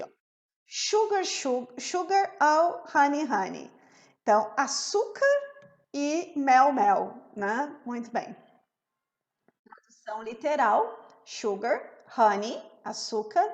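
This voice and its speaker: A Brazilian woman teaching an English lesson in a chatty, explanatory way, often checking in with her listeners and slowing down to model English pronunciation. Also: high-pitched. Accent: Brazilian Portuguese.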